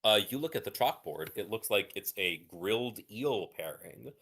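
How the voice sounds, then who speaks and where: A man narrating as game master for a tabletop game, halting with many fillers. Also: fairly low pitch, lively intonation, gravelly, bright, forceful tone, breathy edge.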